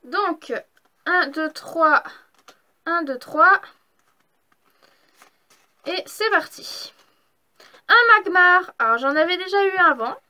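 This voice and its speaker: A woman's voice: very high-pitched, slow, long pauses, bright, forceful tone. A young woman chatting casually as she opens trading card packs, enthusiastic and gushing over each card. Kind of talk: casual unboxing vlog.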